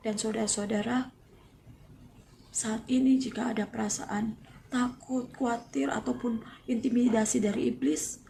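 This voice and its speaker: A married woman gives a personal faith testimony, speaking slowly in short, halting phrases. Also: fairly high pitch, fairly even intonation, creaky, mellow, a little hiss or hum. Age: adult, married with family. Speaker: church member giving testimony.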